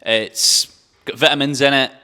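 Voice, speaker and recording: Bright, forceful man, podcast banter. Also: mid-range voice, steady tone, moderate pace, smooth. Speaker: podcast co-host. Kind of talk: casual banter and product chat. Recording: reverberant, hall-like room echo.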